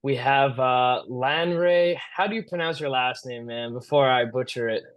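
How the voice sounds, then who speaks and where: A man's voice: medium pitch, unhurried. A man hosting a podcast, asking a guest questions in a friendly, easygoing way and laughing along. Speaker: podcast host. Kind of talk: casual interview chat.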